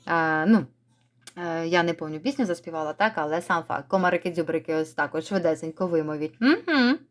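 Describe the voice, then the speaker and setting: A woman's voice: low-pitched, animated. A woman teacher giving a recorded reading lesson for children, speaking in friendly, encouraging instructions. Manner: slow, clear word-by-word dictation.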